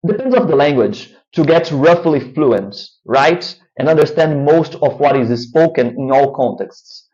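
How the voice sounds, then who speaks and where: Rambling to camera in his casual language-learning vlog, a Brazilian Portuguese-accented man keeps throwing in "right?" tag questions. He sounds a little high and a little mellow, expressive and unhurried, with few pauses, in a lo-fi recording.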